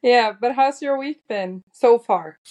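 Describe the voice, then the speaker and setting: A woman's voice: a little high, a little slow, a little mellow. A woman co-hosting a podcast, upbeat and easygoing, chatting casually with lots of fillers over an online call. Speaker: podcast co-host. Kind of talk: casual chat.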